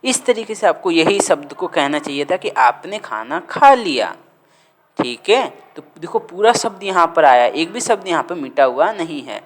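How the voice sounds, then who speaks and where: A man teaching a grammar lesson, dictating words slowly and repeating them for students to write down. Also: fairly high pitch, big pitch swings, slight background noise.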